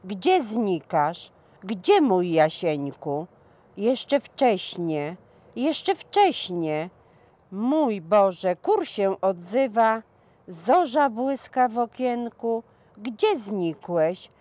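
A woman's voice: mid-range voice, very animated, extremely slow, dark tone, dry recording. A woman, a local resident, reading a ballad aloud with an emotional, pleading delivery. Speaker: resident reader. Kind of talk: dramatic poetry reading.

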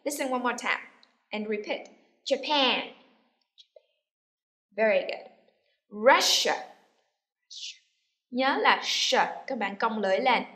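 A woman's voice: on the high side, normal speed. Echoey woman teacher drilling words. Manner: switches between explaining and loud, stressed model words for repetition. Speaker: English teacher. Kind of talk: classroom lesson with drills. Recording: echoey room.

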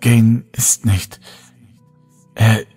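A woman's voice: extremely low pitch, little pitch movement, very slow, mellow, husky, faint music behind, voice pushed up, exaggerated voice. A man voicing a pale, exhausted young woman in a whispered role-play, speaking barely above a whisper and sounding weary and afraid. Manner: faint, weary and fearful. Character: exhausted hollow ghostly young woman, fearful.

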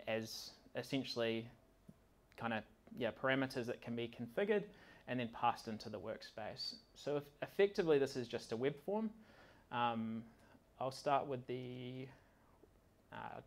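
In an indoor meetup space with big windows and a projector screen, a man presents a casual, live technical demo. His mid-range voice falters slightly while he handles the software mid-sentence. He is a software consultant appearing as a conference speaker, giving an informal presentation.

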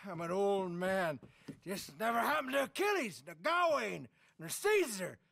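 An actor playing a drunk, boastful old gunslinger in a video game who blusters, curses and wallows. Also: male voice, high-pitched, very animated, normal speed, creaky, a bit bright, heavily acted. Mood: raging. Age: older. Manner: slurring, blustering, cursing, self-pitying.

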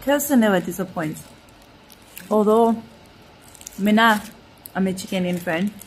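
A woman's voice: mid-range voice, a little slow. A young woman with a Southern African accent chatting informally for a casual vlog in a small room. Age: young adult. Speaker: vlogger. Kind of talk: casual vlog chat, mixing in Bantu-language words. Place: small hotel room, indoors. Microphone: phone at arm's length. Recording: noisy handheld phone recording.

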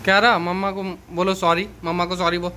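A man in his thirties talks to a handheld phone in a small room at home. His voice is high and bright, and he pleads in an exasperated way. A faint hum of ambience sits behind him. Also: level tone, brisk. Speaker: vlogger husband. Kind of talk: casual family vlog talk. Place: small home bedroom, indoors.

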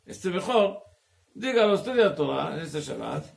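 A male rabbi giving a Torah class, talking in a halting way, searching for words and dropping in Hebrew terms. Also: a little high, very animated, gravelly. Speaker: rabbi teaching Talmud.

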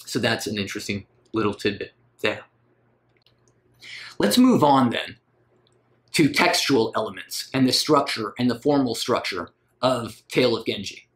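A man's voice: medium pitch, a bit bright. A man giving a recorded literature lecture, asking rhetorical questions and rising on emphatic words.

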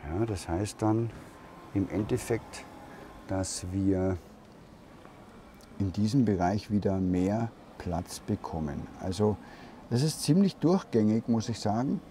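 A man giving a slow walkaround tour of a camper van at a trade fair, thinking aloud with pauses and fillers. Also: fairly low pitch, animated, warm tone. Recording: crowd noise of a trade fair. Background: crowd chatter of a fair.

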